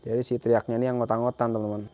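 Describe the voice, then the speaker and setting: Man, young adult, repair tutorial, talks while working, repeats himself, mid-pitched. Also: little pitch movement, racing, mellow. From Central Java, Indonesia. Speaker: repair technician.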